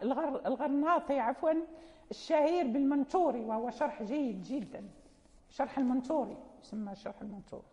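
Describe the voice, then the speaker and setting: A woman teaches Quran recitation in a lecture, speaking Arabic with a Moroccan accent and explaining patiently, with fillers and self-corrections along the way. Her voice is high-pitched with a darkish tone, and the sound is muffled with long hall reverb.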